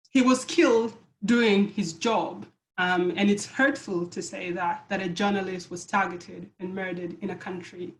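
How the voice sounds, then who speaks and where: Woman from South Sudan, earnest panel remarks, halting restarts, middle pitch, roomy video-call sound. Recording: echoey room on a video call.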